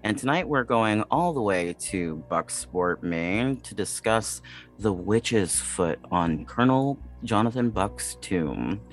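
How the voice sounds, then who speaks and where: Rambling low-voiced man, casual podcast chat. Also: expressive, slow pace, soft background music. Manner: rambling with many fillers. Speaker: podcast co-host.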